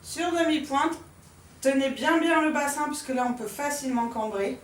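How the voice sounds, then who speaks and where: A woman with a fairly high voice teaches a dance class, explaining each move calmly while she demonstrates it. She is picked up from a distance in a roomy, echoing studio. A faint hum of room ambience sits behind her. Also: moderate pace. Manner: calm, demonstrating moves while counting out accents with "pam" and "tac". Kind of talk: step-by-step dance lesson. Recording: echoey room from far off.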